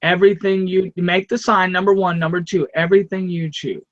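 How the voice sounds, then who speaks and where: A man's voice: sits high, fairly even intonation, fairly quick, fairly bright tone, dry recording, muffled recording. A man co-hosting a casual podcast, talking emphatically, teasing and swearing. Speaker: podcast co-host. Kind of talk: casual chat.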